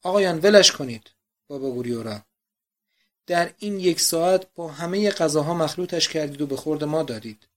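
A blustering middle-aged schoolmaster in a read-aloud novel, put on by a man. He declaims loudly and scornfully in a raised, fairly high voice. He sounds contemptuous and hard. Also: close to an everyday voice.

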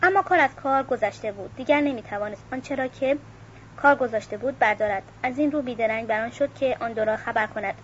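Woman audiobook narrator, steady and measured, slightly high voice, muffled recording with faint hiss. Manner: steady, measured, with occasional self-corrections. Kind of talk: audiobook reading.

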